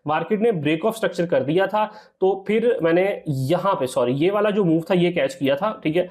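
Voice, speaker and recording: A trading teacher with a high-pitched, slightly mellow voice talks a little fast as he walks through a trading strategy over a screen recording. He keeps checking in with "theek hai" and addresses viewers as "sir".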